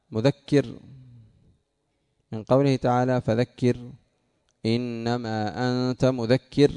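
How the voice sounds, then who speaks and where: A man's voice: mid-range voice, warm tone, smooth. A man teaching a classroom lesson, explaining rules step by step and quizzing his students with questions. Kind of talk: classroom lesson on Arabic morphology.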